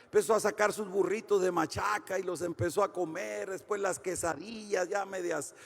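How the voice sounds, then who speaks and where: A man preaching a fervent sermon, swinging from shouted declarations to hushed storytelling. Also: sits high, fairly even intonation, moderate pace, vocal fry, big-room sound. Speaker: pastor.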